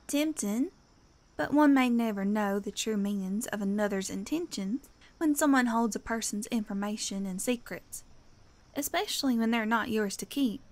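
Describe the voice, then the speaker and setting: In an audio drama, a woman with a notably high voice for a woman plays a small-town teacher at a moderate pace, lightly acted. The character sounds guarded and defensive yet tender, using wordy, earnest phrasing with some hesitation.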